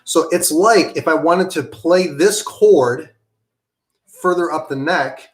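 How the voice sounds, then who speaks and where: A man's voice: a little high, slow pace, reverberant. A man teaching an online guitar lesson in a casual, encouraging way, with many ums and okays. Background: guitar playing.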